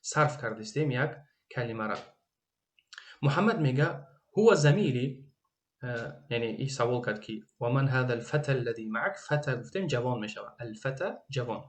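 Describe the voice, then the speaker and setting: A man with a Tajik accent teaching an Arabic grammar lesson. He repeats each Arabic phrase slowly and then translates it. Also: medium pitch.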